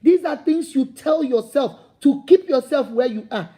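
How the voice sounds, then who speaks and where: A Nigerian-accented woman with a high, warm, husky voice speaks expressively at normal speed. As a motivational speaker, she gives a fervent, preachy talk, repeating her points until they swell into emphatic calls.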